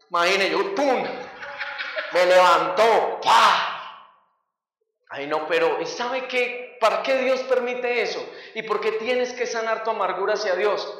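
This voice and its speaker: A Colombian man, a youth pastor, giving a sermon testimony as an animated storyteller who acts out the scenes. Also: high-pitched. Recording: echoey hall from far off.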